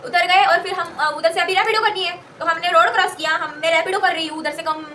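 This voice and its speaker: A woman's voice: extremely high pitch, steady tone, a little fast, pushed and bright, recorded from a distance, a little hiss or hum. A young woman telling a casual story, rambling and correcting herself as she goes. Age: young adult. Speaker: college student telling a story.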